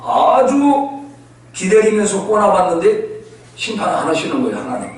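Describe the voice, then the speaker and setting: A male pastor preaching a sermon, telling stories in a lively way and acting out the voices of the people in them. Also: high-pitched, normal speed. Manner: animated storytelling, acting out quoted voices. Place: church sanctuary. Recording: echoey church hall from far off.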